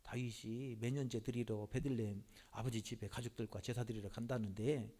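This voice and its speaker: A man voicing a respectful young prince who answers his father quietly and deferentially. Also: mid-range voice, steady tone, a little fast, pitched below the performer's own voice, natural voice.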